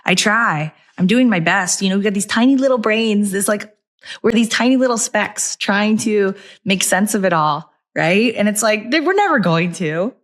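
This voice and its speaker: A woman's voice: mid-range voice, moderate pace. A woman, hosting a heartfelt conversational chat, reflective and full of casual fillers. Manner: reflective, uses many fillers like "like" and "you know". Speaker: podcast host and company founder.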